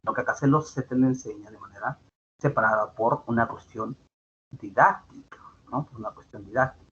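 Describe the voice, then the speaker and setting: A man's voice: medium pitch, a little fast, a bit bright. A male teacher giving an online grammar lesson, explaining patiently and repeating his points with tag questions. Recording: dull lo-fi sound with faint background noise.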